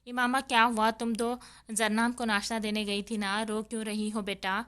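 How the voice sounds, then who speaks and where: Frightened household mother, urgent questions, light clear voice, read by a woman narrator. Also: fairly high pitch, flat delivery, fairly bright tone, lightly acted. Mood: anxious. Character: anxious worried mother of a household.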